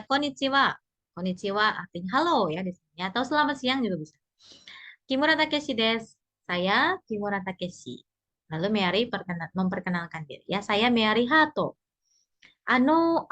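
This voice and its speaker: A woman's voice: a little high, fairly bright tone. Chatty woman teaching a language class. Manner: patient, chatty, repeats points with fillers. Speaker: Japanese teacher. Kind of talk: recorded class explanation.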